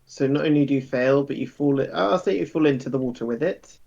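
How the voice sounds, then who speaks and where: A man running a tabletop game as game master, brisk and quick to laugh. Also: mid-range voice, gravelly, a little mellow, dull audio.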